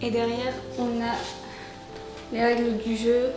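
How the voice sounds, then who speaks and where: Hosting an unboxing video, a woman chats casually while showing items, sounding appreciative and often hesitating as she hunts for words. Her voice is a little high, her delivery completely flat and slow. The room echoes, with background music playing.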